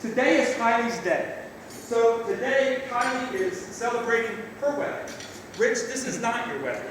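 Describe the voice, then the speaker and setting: A middle-aged man gives an informal father of the bride speech, plain-spoken, salty and emotional, with halting delivery. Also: very high-pitched, expressive. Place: large reverberant reception room indoors. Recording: echoey hall, distant mic, noisy room.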